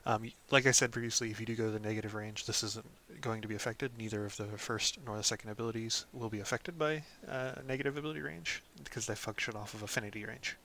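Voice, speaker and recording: A man hosting a casual game guide, talking through a character build in a relaxed way, with frequent "um"s and "of course"s. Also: fairly low pitch, quick pace, hardly any pauses, a little hiss or hum. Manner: relaxed, lots of ums and "of course". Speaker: gaming channel host.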